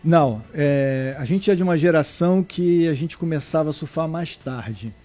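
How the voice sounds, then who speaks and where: A middle-aged man from Brazil, a guest surfer and surf instructor, answering interview questions in a halting way with many restarts. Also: a little high, warm tone, faint music behind. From Brazil (born in Salvador, raised in Niterói). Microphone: remote mic, at first too far away.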